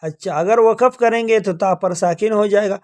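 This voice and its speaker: Male Quran teacher giving a tajweed lesson: brisk explanations, very slow drawn-out recitation. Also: sits high, a little mellow. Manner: draws out recited words very slowly between brisk explanations.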